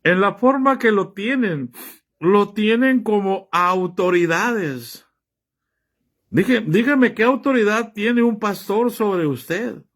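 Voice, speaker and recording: A man's voice: high voice, animated, slow pace, fairly bright tone. A man preaching a sermon, reading scripture aloud and pressing his listeners with rhetorical questions. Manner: reads scripture aloud and comments on it.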